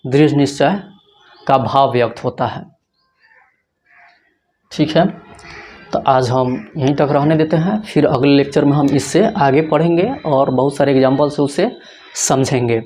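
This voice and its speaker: A teacher at mid pitch walks through grammar rules in a lecture. He poses a question to the class and answers it himself. He repeats each point slowly so it sinks in. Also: dark tone, slight background noise. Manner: asks rhetorical questions and answers them himself. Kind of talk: Hindi-language grammar lecture.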